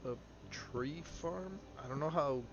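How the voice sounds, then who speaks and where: A man's voice: fairly high pitch, measured pace. Rambling young man streaming a game. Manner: rambling, filler-heavy, answers chat offhand. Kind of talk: casual live-stream chat while playing. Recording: slightly dull audio with clear background noise.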